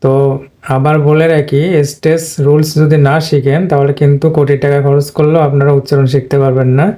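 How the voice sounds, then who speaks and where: A man gives a plain, repetitive lesson on English pronunciation, going point by point. His voice is dark and mellow, with very little rise and fall, and he clears his throat now and then. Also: fairly high pitch, little pitch movement, a little fast. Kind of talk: whiteboard lesson explanation.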